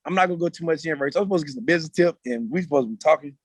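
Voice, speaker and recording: A man's voice: a little high, racing, no room sound. Earnest man giving a casual pep talk. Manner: earnest, informal. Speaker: guest speaker. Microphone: video call.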